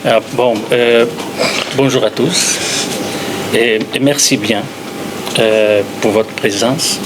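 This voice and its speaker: A man's voice: medium pitch, steady tone. Man with foreign Iberian accent, noisy room. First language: not French. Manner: halting non-native French. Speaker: academy president giving a speech. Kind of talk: semi-formal press conference speech.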